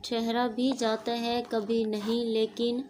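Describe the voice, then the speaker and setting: Woman Quran teacher in a steady, monotone delivery. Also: a little high, a little hiss or hum. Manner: steady explanatory teaching, mixing in English words. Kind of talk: online lesson.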